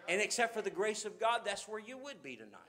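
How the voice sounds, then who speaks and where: A man preaching a sermon in a church, fervent, swinging from loud emphasis to quiet asides. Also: high voice, sing-song, fast talker.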